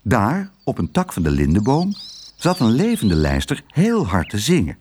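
A man narrating a storybook aloud with a lively, expressive reading. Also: lowish voice, normal speed, slight background noise.

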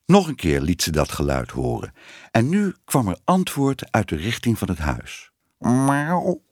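A man reading a children's story aloud with an expressive, lingering storyteller delivery. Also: sits low, normal speed, husky, no room sound, studio quality. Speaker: audiobook narrator.

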